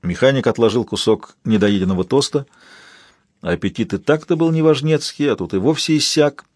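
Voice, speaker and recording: Male audiobook narrator, husky voice, dry close studio sound, wry delivery. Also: medium pitch, animated, fairly quick, a little mellow, no echo.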